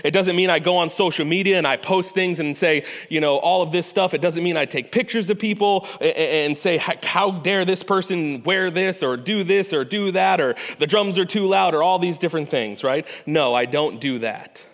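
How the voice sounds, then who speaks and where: A loud, high-voiced man preaches a sermon as a pastor in a church sanctuary, with hall reverb on the recording. He talks at a normal speed with hardly any pauses, earnest and conversational, often restarting phrases and checking in with "right?".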